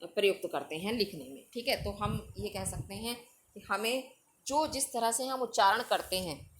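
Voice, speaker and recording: A woman teacher talks a class through a grammar lesson, patient and methodical. She explains each point step by step and checks in with the students often. A faint background noise sits under her mid-pitched voice. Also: normal speed, fairly bright tone. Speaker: school Hindi teacher.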